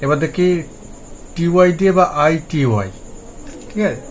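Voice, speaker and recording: A man teaching English pronunciation and word meanings, patiently repeating words for practice in a slow drill. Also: a little high, animated, slight background noise, low-quality recording. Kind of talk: Bengali-language lesson, spoken explanation.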